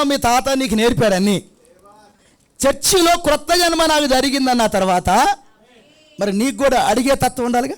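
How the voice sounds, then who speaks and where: A man preaching a sermon, asking rhetorical questions and acting out little scenes. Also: very high voice. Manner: conversational preaching, rhetorical questions, acts out child and grandfather. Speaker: pastor. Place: church prayer hall.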